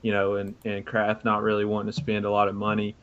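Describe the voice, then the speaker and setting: A man's voice: fairly low pitch, monotone, fast, a bit bright, clear, resonant tone. A man co-hosting a sports podcast, talking football casually in a rambling way. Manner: rambling, many fillers and restarts. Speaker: podcast co-host. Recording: dull lo-fi mic audio.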